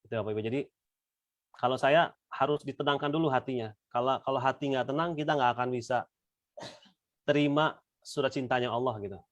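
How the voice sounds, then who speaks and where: A man giving an informal religious talk over a video call, relaxed and conversational, often speaking straight to his listeners. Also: mid-range voice, no echo. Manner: relaxed conversational, addresses listeners as "Bapak Ibu". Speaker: speaker at a weekly religious study session.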